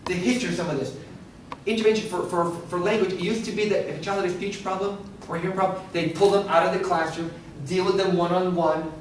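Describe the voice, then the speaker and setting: A middle-aged man presents a workshop lecture, often turning to the audience with questions. His voice sits a little on the high side. He is recorded from a distance in a very echoey room, with a faint hiss behind him. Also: fairly even intonation, fast. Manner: interactive, asks the room questions.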